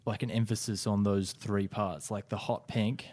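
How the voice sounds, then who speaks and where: Mellow, low-voiced man co-hosting a podcast. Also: flat delivery, no room sound. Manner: lays out his own theories at length, unhurried. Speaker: podcast co-host. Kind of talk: casual podcast chat.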